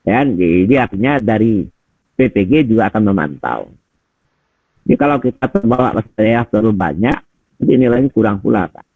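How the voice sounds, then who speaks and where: A man's voice: lowish voice, animated, fairly quick, dry recording. Man giving feedback over a tinny call. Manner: conversational, addresses listeners as Pak and Bapak Ibu, rhetorical questions. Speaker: teacher trainer giving feedback. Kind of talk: video call feedback session. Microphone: video call. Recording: husky voice over tinny video call audio.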